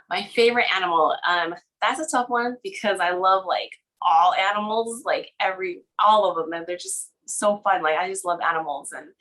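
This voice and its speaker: A woman's voice: mid-range voice, a bit bright, poor audio. A young woman, a children's book illustrator from Hawaii who grew up in Southern California, chatting casually in an interview, giggly and full of "like" fillers. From Hawaii, raised in Southern California.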